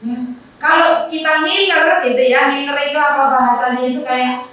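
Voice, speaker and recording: A woman's voice: sits high, fairly even intonation, normal speed, bright, forceful tone. A woman religious teacher giving a conversational study lecture, mixing in jokes and asides. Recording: echoey room, voice from far off.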